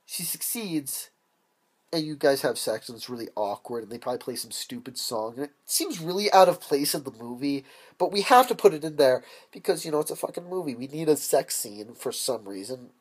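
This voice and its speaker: A man's voice: mid-range voice, animated, fairly quick, husky. A young man improvising a comic, profane parody of a movie plot, rambling and sarcastic as he jumps into silly voices. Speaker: comedian. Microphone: camera mic.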